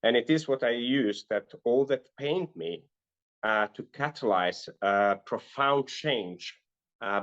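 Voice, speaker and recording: A middle-aged life and business coach from North Macedonia earnestly tells his life story as an interview guest, often pausing on "uh". His voice sits fairly low, and the audio is dull.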